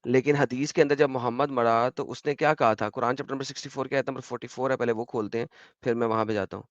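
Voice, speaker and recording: A man hosting a heated debate, pressing his points in rapid bursts and citing verses by number. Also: mid-range voice, fairly even intonation, no room sound. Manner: pressing, rapid-fire arguing, quoting chapter and verse. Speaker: debate host. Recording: dull, dry lo-fi audio.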